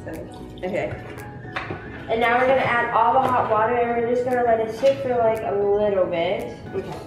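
A woman's voice: fairly high pitch, moderate pace. A young woman vlogging as she cooks in a large home kitchen, explaining each step in a chatty way. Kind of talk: casual cooking vlog. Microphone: handheld camera, at times set down further away. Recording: echoey kitchen with music behind.

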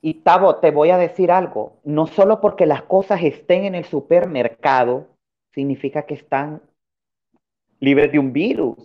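A man's voice: a little high, unhurried. A man, hosting a chat and reading viewer comments aloud one after another. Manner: reads comments in a steady run. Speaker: host. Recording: dull lo-fi sound.

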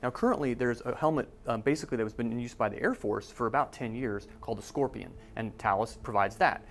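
A man in his forties reporting a news feature, explaining technology in a brisk, conversational way. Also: mid-range voice, vocal fry. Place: office room.

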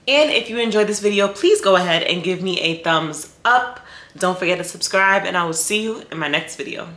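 A woman's voice: medium pitch, animated, a little fast, fairly bright tone, a little hiss or hum. Chatty young woman in an echoey kitchen. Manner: chatty, tastes and reacts while eating. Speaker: vlogger. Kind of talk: casual food vlog chat.

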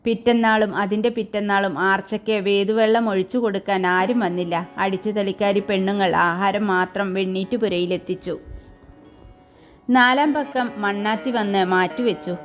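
A woman reading a novel chapter aloud in steady, measured storytelling. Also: mid-range voice, faint music behind. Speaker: narrator. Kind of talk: scripted narration of a novel chapter.

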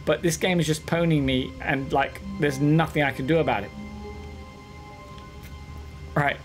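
A man chatting casually to viewers while he plays a game, often halting on "uh" and "um". His voice sits a bit high for a man. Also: steady tone, soft background music. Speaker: streamer. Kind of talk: casual chat over gameplay.

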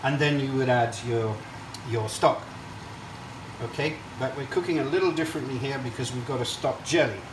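An echoey kitchen recording, picked up at some distance from the mic, carries a man hosting a cooking show. He has a mid-pitched voice and chats through each step in an explanatory, rambling way. Sizzling and stirring sit behind him. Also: moderate pace, background noise. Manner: chatty, explanatory, digressive. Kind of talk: casual cooking demonstration to camera. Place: indoor kitchen at a stove. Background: frying sizzle and stirring.

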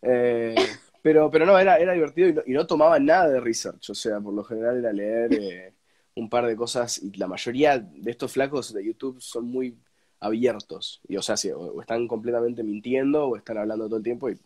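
A young man with an Argentine accent, congested and snotty from a cold, chatting casually as an interview guest and haltingly repeating words as he searches for phrasing. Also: medium pitch, a little mellow. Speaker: interview guest, radio presenter. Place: indoors at home, on a video call.

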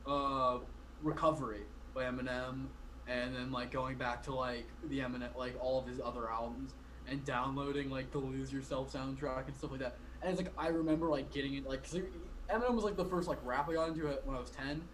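A man's voice: mid-range voice, fairly even intonation, brisk, fairly bright tone, slight background noise, rough recording. A young man of about twenty chatting casually as a podcast guest, rambling and often cutting himself off mid-sentence. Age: around 20. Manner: rambling, filler-heavy, self-interrupting. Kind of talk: casual chat. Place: bedroom, indoors. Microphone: video call.

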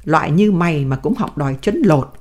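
A woman voicing a dignified old male prisoner who speaks in firm, measured sentences. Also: low voice, animated, darkish tone. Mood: angry.

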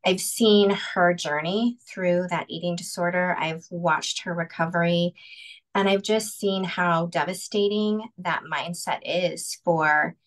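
A woman in her forties speaks on a video call from a room at home. Her voice sits a little low, and she talks in an earnest, reflective way, pausing often on ums. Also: fairly even intonation, low-quality recording. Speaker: pageant director.

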